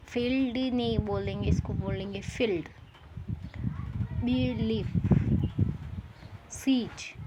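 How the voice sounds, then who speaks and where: Woman teacher with a higher voice, very unhurried delivery, explains pronunciation rules step by step. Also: noisy background. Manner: slow, repeats each rule and asks the class questions. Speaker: English teacher.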